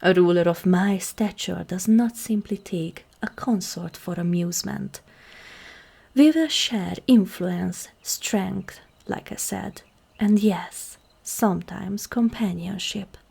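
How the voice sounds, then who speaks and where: In an ASMR roleplay, a woman plays a regal, seductive ancient demon queen, delivering a scripted monologue to the listener. Her mid-range voice is exaggerated, husky, breathy and creaky, often softening toward a whisper, measured and commanding in a cool, commanding mood.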